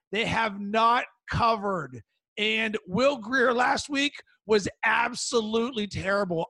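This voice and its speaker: Very high-pitched man hosting a betting podcast. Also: bright, forceful tone, no echo. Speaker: podcast host. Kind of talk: sports betting podcast monologue.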